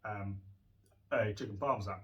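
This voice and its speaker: A man's voice: fairly low pitch, moderate pace, muffled recording. Man chatting, mic far off. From Teesside, North East England. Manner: chatty, explaining. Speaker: co-host. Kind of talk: casual chat. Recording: distant from the mic.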